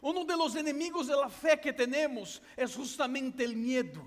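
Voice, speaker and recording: A man preaching a sermon, telling a story and building up to loud, shouted passages. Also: extremely high pitch, normal speed, in a large hall. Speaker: pastor.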